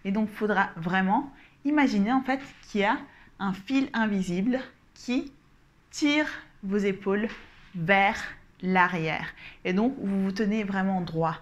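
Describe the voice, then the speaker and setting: Female communication coach, mid-pitched, calm, deliberate, instructive delivery. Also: lo-fi sound. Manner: gestures while explaining. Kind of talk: instructional coaching talk to camera.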